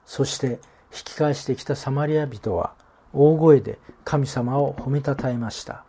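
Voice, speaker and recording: A man gives a sermon in a mellow, warm voice. His preaching is earnest and measured, and he leans on important phrases by slowing down. His pitch sits in an ordinary middle range for a man. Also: slightly rough. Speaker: pastor.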